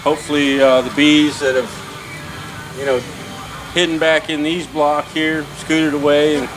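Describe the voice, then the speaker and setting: A man, a beekeeper casually explaining a bee removal outdoors in a relaxed, plain-spoken way with many fillers. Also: fairly high pitch, unhurried, music in the background, poor audio. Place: outdoors beside a house wall. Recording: outdoor noise in the background.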